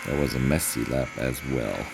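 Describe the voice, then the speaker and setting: A man giving casual gameplay commentary, relaxed and thinking aloud with frequent pauses. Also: very deep voice, gravelly, background noise. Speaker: gaming channel host.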